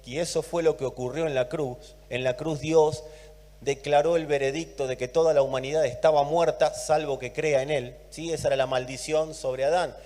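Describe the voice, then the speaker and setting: A man with an Argentine accent preaching a sermon, emphatic, swinging between loud and soft and repeating words for emphasis. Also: on the high side, steady tone, normal speed, big-room sound. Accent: Argentine Spanish. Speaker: pastor.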